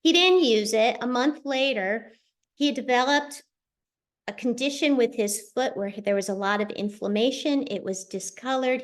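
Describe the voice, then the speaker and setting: Woman, middle-aged, higher voice, lively casual storyteller who acts out quotes. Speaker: speaker sharing a personal story.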